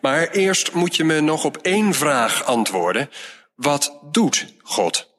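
A man's voice: fairly high pitch, very animated, takes it slowly, fairly bright tone, voice pushed up, exaggerated voice. A man reading a storybook aloud and voicing a blustering, demanding king in a commanding tone. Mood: gruff. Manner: commanding, imperious. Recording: long hall reverb.

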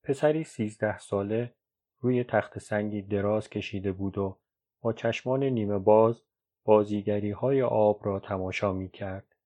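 A man narrating a novel as an audiobook, in a measured, even storytelling read. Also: lowish voice. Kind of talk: scripted literary narration. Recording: dull lo-fi recording.

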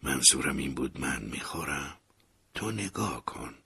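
A man voicing a weak, dying elderly father in an audiobook, speaking in a faint, hoarse, breathy whisper and short of breath. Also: rumbling low, expressive, pushed and bright, voice pushed down, exaggerated voice. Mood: resigned. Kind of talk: audiobook character voice.

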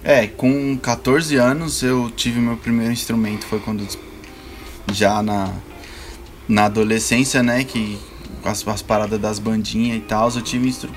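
Brazilian man in relaxed slangy conversation, mid-pitched. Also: a little slow, soft background music. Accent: Brazilian Portuguese. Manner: slangy, informal. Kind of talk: casual chat.

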